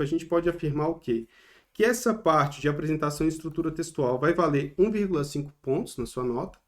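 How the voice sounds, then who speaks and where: A man with a Brazilian Portuguese accent gives an online exam-prep lesson in a slightly raised voice. He explains step by step and keeps checking in with short tag questions, recorded on a close mic. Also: a little high.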